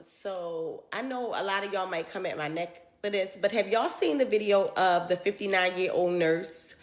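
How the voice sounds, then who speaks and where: A woman's voice: medium pitch, a bit bright. A woman giving her opinion to camera, hesitant at first with ums and then indignant.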